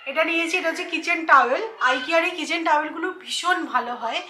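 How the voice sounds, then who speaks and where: A woman in her thirties walks her viewers through a kitchen shopping haul in a relaxed, chatty way. Her voice sits high and bright. The room around her echoes, with a faint hum of noise. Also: rapid-fire. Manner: chatty, explains items to viewers. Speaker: lifestyle vlogger. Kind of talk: casual shopping haul chat.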